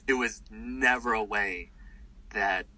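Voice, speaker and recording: A male comedian guest, his voice on the low side and his pace slow, rambles animatedly through a casual interview full of fillers and restarts. The recording is low quality, with crowd noise in the background.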